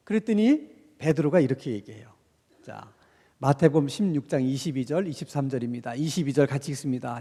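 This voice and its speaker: A high, lively male voice preaches a sermon and slips into the voices of the figures he quotes. The tone is mellow and warm, and a long hall reverb trails each phrase, as in a church sanctuary. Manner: animated, acts out quoted speech of disciples and Jesus. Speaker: pastor.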